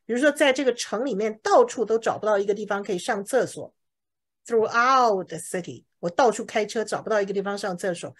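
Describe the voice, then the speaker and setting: A woman teaching an English class in Chinese, patiently explaining words and reading example sentences slowly. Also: mid-range voice, slightly rough.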